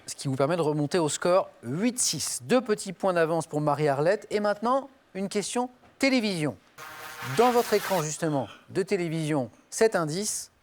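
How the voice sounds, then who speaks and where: A man's voice: high-pitched, animated, normal speed, slight background noise. A man hosting a television quiz show, reading clues in the first person and calling on the players by name. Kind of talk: game show question reading.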